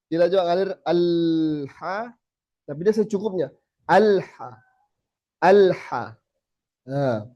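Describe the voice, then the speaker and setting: Slow, patient man teaching recitation, dull recording. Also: sits high. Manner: demonstrates letter sounds by slow repetition, then corrects. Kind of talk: tajweed lesson to a small group.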